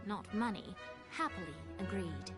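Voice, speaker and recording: A woman giving measured, scripted storybook narration for a video game cutscene. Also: medium pitch, lively intonation, loud music behind the voice, close to an everyday voice.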